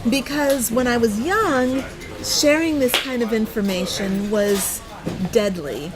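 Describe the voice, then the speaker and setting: A woman's voice: a little high, takes it slowly. A woman hosting a casual chat over a meal, talking openly and often affirming her guest. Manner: warm, affirming, frequent agreement. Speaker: host. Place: busy restaurant. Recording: restaurant crowd noise around. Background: crowd chatter.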